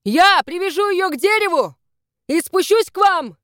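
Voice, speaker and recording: A woman's voice: very high voice, animated, moderate pace, dry recording, studio quality, voice pushed up. A woman voicing a plain, kind man who calls out reassuringly to someone below, in an audiobook. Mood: urgent. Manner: calling out loudly.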